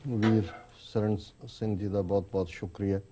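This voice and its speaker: A man giving deliberate, explanatory commentary on a talk show. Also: on the low side, flat delivery, noisy background. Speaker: political commentator.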